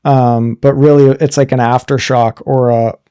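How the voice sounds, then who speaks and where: A man in his thirties with a mellow, warm voice, chatting as a podcast co-host. He talks frankly and a little crudely, jokes, and restarts his sentences as he thinks aloud. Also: mid-range voice, flat delivery, normal speed, clear, resonant tone. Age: 30s. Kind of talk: casual chat.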